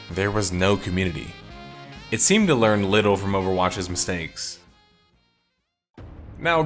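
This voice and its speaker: Over quiet background music, a man narrates a scripted video essay in a fairly low voice that sounds weary and strained. He wraps things up with a detective theme, his delivery wry and full of opinion.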